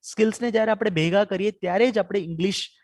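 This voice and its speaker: A man's voice: sits high, fast, a little mellow, no room sound, clean studio sound. A man with a Gujarati accent giving a webinar lecture on improving English, mixing Gujarati and English and asking "right?" after almost every point. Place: home or office for an online webinar.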